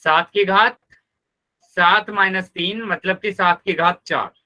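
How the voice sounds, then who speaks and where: A male math teacher leading a live online class, patiently explaining steps and repeating them, addressing students warmly as children. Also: high-pitched, steady tone, slow.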